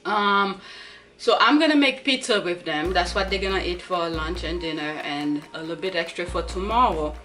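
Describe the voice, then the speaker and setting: A woman's voice: fairly low pitch, moderate pace, sharp tone. A woman in her thirties chatting casually in a diary vlog about her day with her kids, rambling and correcting herself as she goes. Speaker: vlogger and mother.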